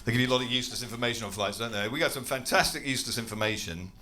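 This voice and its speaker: A man's voice: medium pitch, rapid-fire, bright, forceful tone. A man with an English accent doing a stand-up comedy set, chatty and self-mocking, with frequent swearing. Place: comedy club stage with a laughing audience. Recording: club audience laughter audible.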